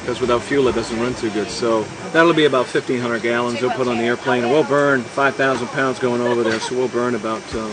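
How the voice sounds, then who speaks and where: A male airline pilot explains his work casually. He talks quickly in a medium-pitched voice. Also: steady tone, poor audio.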